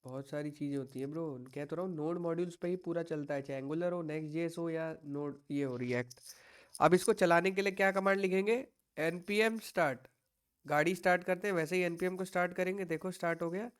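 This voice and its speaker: A man's voice: on the high side, steady tone, fairly quick, clear, resonant tone. Young man teaching a live coding class. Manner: patient, reassuring, mixes English tech words into Hindi. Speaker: coding instructor.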